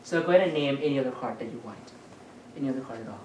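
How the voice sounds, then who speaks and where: A woman's voice: rumbling low, expressive, rapid-fire. A woman performing as a magician at a children's party, giving patter and instructions and putting questions to the young audience. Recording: echoey room, distant mic, noisy background.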